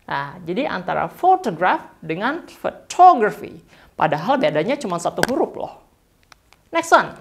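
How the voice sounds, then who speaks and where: Lively woman teaching English pronunciation. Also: fairly high pitch. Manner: slow, stretched model words between quick explanations. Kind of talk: friendly online lesson.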